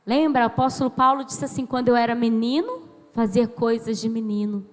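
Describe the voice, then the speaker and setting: A woman in her thirties from Brazil preaching a sermon as a pastor, slow and emphatic, acting out dialogue as she tells stories. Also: fairly high pitch. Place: church sanctuary. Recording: long church hall reverb.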